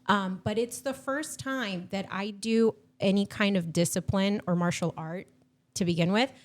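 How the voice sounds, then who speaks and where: A woman's voice: medium pitch, moderate pace. A woman in her thirties from Argentina, chatting enthusiastically as a podcast guest with plenty of fillers. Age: 30s. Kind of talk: casual chat.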